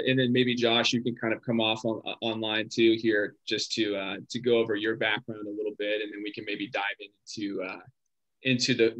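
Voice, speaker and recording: A man's voice: fairly low pitch, bright, forceful tone, rough recording. A man, a sales director, hosting a video call panel with an enthusiastic, loosely restarting way of talking.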